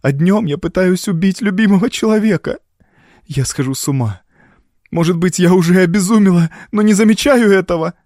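A man's voice: on the high side, moderate pace, darkish tone, no room sound, studio quality, pitched above the performer's own voice, lightly acted. A man voicing a frightened young wife who pleads in a trembling voice. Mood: despairing.

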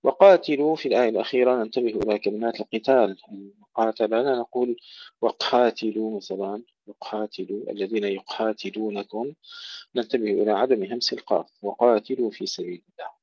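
Man, tajweed teacher, recites and repeats words slowly, precise, muffled dry audio. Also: fairly low pitch, warm tone, no room sound. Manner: slow and precise, repeats words to contrast right and wrong pronunciation. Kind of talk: tajweed lesson with recited examples. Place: home or small room, steps away to handle a phone.

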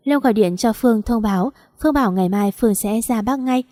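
A woman reading a first-person audio story in a steady, even way. Her voice sits a little high but sounds warm and mellow. The recording is close and dry, with no room sound. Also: fast, dry recording. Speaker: audiobook narrator.

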